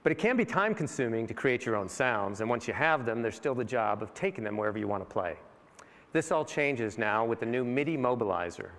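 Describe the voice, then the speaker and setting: A man of medium pitch walks through a rehearsed product demo at a steady pace. His voice rings with the long reverb of a large conference hall. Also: a little fast. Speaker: guest presenter.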